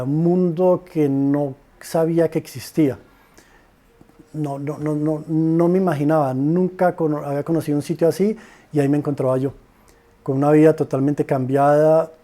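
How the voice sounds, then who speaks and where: A man with a dark, mellow voice and a somewhat raised pitch tells his personal faith testimony. He speaks earnestly and haltingly, often restarting and repeating words.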